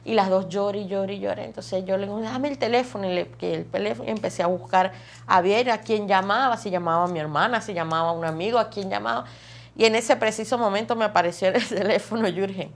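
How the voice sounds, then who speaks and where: A woman's voice: mid-range voice, fairly even intonation, fast talker, creaky. A woman gives an emotional personal testimony. She tells her story vividly, stacking phrase on phrase and repeating words for emphasis. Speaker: testimony guest.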